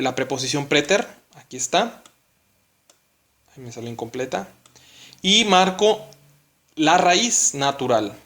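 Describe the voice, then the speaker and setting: A man's voice: fairly high pitch, fairly bright tone. A man teaching a lesson, explaining patiently step by step and often checking in with the listener. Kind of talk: recorded classroom lesson.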